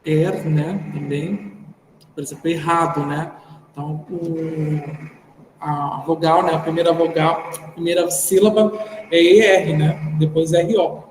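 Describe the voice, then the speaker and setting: A man's voice: fairly high pitch, fairly even intonation, measured pace, a little mellow. A man with a Brazilian Portuguese accent, teaching an online class in an informal, thinking-aloud way, tagging his sentences with "né". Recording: roomy reverberant sound with faint background noise.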